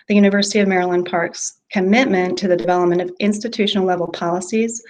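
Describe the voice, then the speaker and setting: A woman with a fairly low voice reads prepared remarks at a measured pace, laying out long lists item by item. She comes through a video call, and her delivery stays steady and deliberate. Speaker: university speaker.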